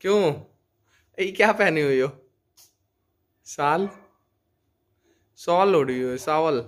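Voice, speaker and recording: A man's voice: on the high side, takes it slowly. A young man, filming a casual home vlog at night on a phone and coaxing and teasing his wife, often repeating himself. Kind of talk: casual family vlog chat.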